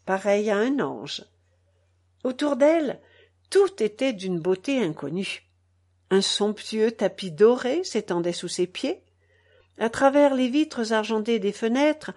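A woman reading a novel aloud as an audiobook narrator, in measured, even storytelling. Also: a little high. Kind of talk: scripted narration.

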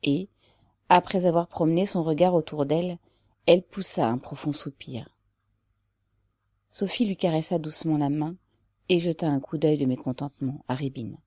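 A woman narrating an audiobook in a measured, even way. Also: deep voice, no room sound, clean studio sound.

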